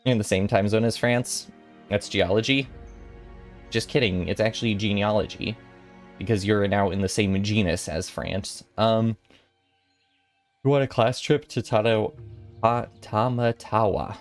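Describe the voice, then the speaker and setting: A man's voice: on the low side, fairly even intonation, unhurried, pauses often, faint music behind. A young man in his twenties chatting casually with viewers on a stream, rambling and playful with giggly asides. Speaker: VTuber streamer.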